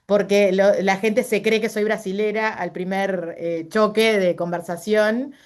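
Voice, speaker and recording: In an unhurried, medium-pitched voice with fairly even intonation, a middle-aged woman with a Uruguayan Spanish accent tells personal stories. She's a guest in a casual interview, and her speech is full of fillers and self-corrections.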